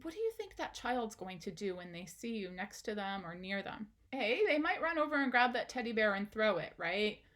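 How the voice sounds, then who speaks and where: A woman's voice: mid-range voice, normal speed, hardly any pauses, a bit bright. A woman, a parenting educator, giving an instructional talk straight to the viewer, asking questions and encouraging them.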